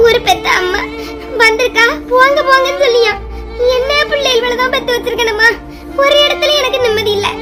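A woman's voice: very high voice, fast, over loud music. A woman with a Kanyakumari Tamil accent playing a complaining mother-in-law who nags in a comedy skit. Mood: scolding. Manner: nagging and self-pitying. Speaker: skit performer.

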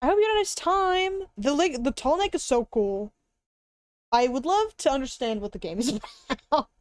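A woman's voice: high voice, animated, moderate pace, no echo, clean studio sound. A young woman chatting casually on a livestream as she browses, with a cute, bubbly anime-streamer delivery and exaggerated reactions. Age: young adult. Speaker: live streamer. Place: indoor room at a streaming desk.

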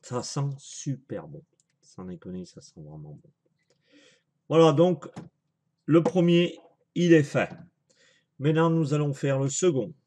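Husky, chatty French-speaking man reviewing vape liquids. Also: on the high side, expressive, unhurried, long pauses, darkish tone. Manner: chatty, apologetic, thinks aloud with many fillers. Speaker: vaping vlogger. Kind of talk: casual product review.

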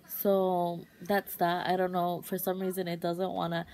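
A woman's voice: on the low side, a little slow. A young woman chatting casually to her phone camera in a vlog. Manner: chatty, relaxed, talks straight to camera. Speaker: vlogger. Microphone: phone camera at arm's length. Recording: noisy phone recording.

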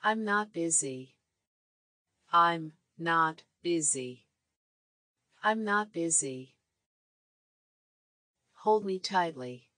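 A woman reading short English phrases for learners, saying each one three times in a measured, clear way. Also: fairly low pitch, expressive, sharp tone, dry recording, clean studio sound. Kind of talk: slow repeated phrase drills.

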